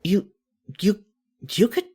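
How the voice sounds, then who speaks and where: At a slow pace, a narrator gives an expressive reading of a second-person story, like one heard in a fan fiction audiobook.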